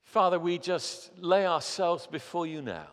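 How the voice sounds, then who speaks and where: A man's voice: high voice, animated, measured pace. A man in his fifties preaching a sermon as a pastor, earnest and building to emphatic appeals. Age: 50s. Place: church hall. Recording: long hall reverb.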